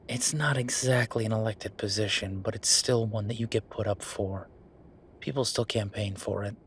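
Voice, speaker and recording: As a fed-up werewolf official venting to his partner, a man delivers weary, sarcastic, conversational lines with pointed pauses in a roleplay audio drama. His voice is on the low side and close to an everyday speaking voice, with a little hiss or hum in the audio. He sounds weary and coaxing.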